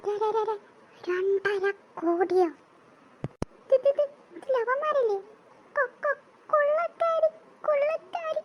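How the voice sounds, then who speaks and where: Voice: very high-pitched, expressive, normal speed, highs cut off, slight background noise. Vasu, a voice actor doing a stammering cartoon boy. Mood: scared. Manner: stammering and urgent. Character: jittery young boy Vasu, easily scared.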